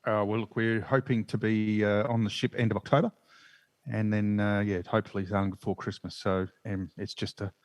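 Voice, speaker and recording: A man's voice: lowish voice, little pitch movement, a little fast, no echo. A man talking casually as part of a podcast panel. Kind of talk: casual chat.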